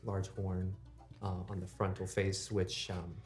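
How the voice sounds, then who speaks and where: A game master improvising narration for a tabletop role-playing game, haltingly and thinking aloud. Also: sits low, flat delivery, soft background music.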